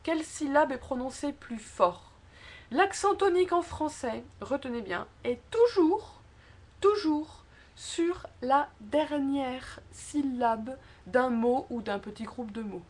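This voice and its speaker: A woman teaching a spoken language lesson, explaining words slowly syllable by syllable and stressing key words by repeating them. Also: high voice, expressive, a little mellow. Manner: slow, careful syllable-by-syllable explanation. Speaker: French pronunciation teacher.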